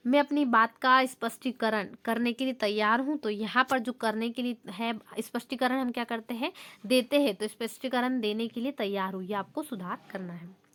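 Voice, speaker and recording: A young woman with a fairly high voice works through exam questions one by one like a patient teacher. She reads the sample sentences aloud, then explains them in a steady, explanatory tone.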